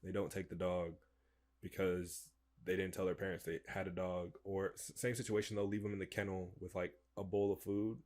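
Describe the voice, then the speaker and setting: A young man with a lowish voice co-hosts a casual podcast. He talks in easy slang and quotes his friends as he retells shared stories. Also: flat delivery, normal speed, a little mellow. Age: young adult. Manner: laid-back, slangy, quotes friends mid-story. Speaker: podcast co-host. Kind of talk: casual storytelling chat.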